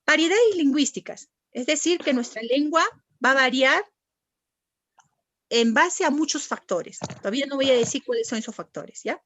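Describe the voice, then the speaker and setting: Lady teacher lecturing her class, high voice, dull dry recording. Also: animated, moderate pace, a bit bright, no echo. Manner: patient, asks the class questions and answers them herself.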